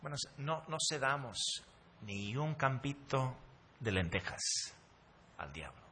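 Middle-aged pastor, emphatic sermon voice, bright and animated. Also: male voice, medium pitch, slow, a little hiss or hum. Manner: animated, emphatic preaching with hesitations.

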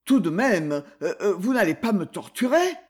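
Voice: medium pitch, very animated, normal speed, a little mellow. A reader voicing a cornered, grumbling male crook in an audiobook, hesitant and surly.

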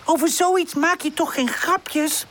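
A woman's voice: on the high side, huge pitch swings, normal speed, slight background noise, voice pushed up. A woman voicing a prim, stern female cat who speaks reproachfully.

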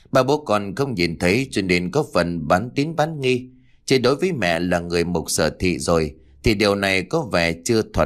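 Lively low-voiced male storyteller. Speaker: audiobook narrator. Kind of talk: storytelling narration.

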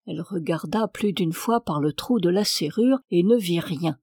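A woman reading an old folk tale aloud as narrator, with steady, dramatic storytelling. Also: fairly low pitch, normal speed, breathy edge, no echo, studio quality. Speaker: audiobook reader.

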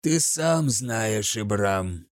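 A man voicing an eerie young witch girl in a dry, slow whisper. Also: lowish voice, expressive, no room sound, pitched below the performer's own voice.

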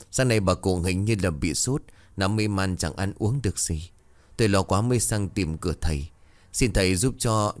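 A man's voice: fairly low pitch, darkish tone, natural voice. A man voicing a shy older village widow who speaks hesitantly and humbly. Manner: hesitant, deferential.

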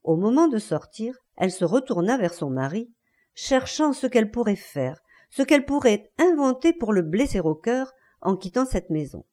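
A woman with a medium-pitched voice reads a classic novel for an audiobook, measured and expressive.

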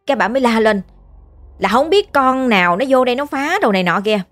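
A woman with a Southern Vietnamese accent tells a folk tale in a lively, conversational way. Her voice sits at an ordinary middle pitch. Soft music plays faintly behind her. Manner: chatty, animated, imitates pig squeals. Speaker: storyteller. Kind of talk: casual storytelling narration.

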